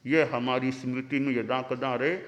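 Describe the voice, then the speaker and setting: A man, a monk giving a discourse, telling a parable in a slow, animated storytelling manner. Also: mid-range voice, muffled recording. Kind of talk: sermon storytelling. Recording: long hall reverb.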